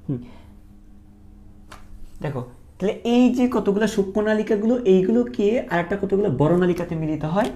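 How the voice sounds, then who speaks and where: Gravelly male teacher drilling key terms. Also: high-pitched, animated, a little fast, pauses often, dark tone. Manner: repeats key terms as questions, drilling students. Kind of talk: online lecture.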